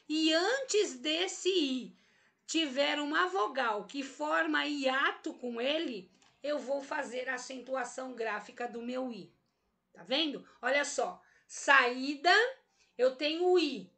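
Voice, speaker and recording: A woman's voice: high-pitched, gravelly, fairly bright tone. A woman teaching a grammar lesson, patient and methodical, often checking that her students follow. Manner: patient, repeats and checks understanding. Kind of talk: explanatory lesson.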